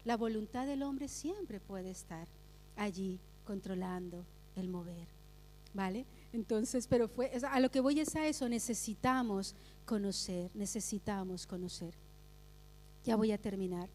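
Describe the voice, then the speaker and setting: In a church sanctuary, a woman pastor with a high, mellow voice preaches a Sunday sermon, speaking a little slowly. She weaves personal stories into her teaching and repeats key phrases for emphasis, while the hall adds a long reverb.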